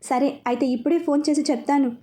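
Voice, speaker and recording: A woman reads as a proud older grandmother in a storybook tale. She hands out orders with authority in a high, mellow voice. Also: fairly even intonation, quick pace, lightly acted. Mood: commanding. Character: older grandmother, commanding matriarch of the estate.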